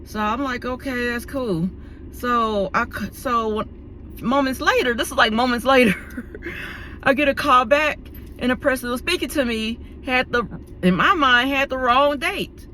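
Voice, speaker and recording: Bright-voiced woman telling a story. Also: high-pitched, moderate pace, slight background noise. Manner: chatty, animated, acts out the people in her story; frequent fillers and restarts, laughs between lines. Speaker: vlogger. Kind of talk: casual storytelling to camera.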